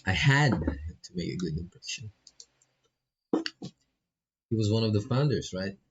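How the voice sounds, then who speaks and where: Here a gaming streamer from the Philippines speaks in a fairly low, slightly rough voice, animated but a little slow, reading the game aloud with jokey, slangy comments. Faint game music accompanies the slightly dull, lo-fi audio.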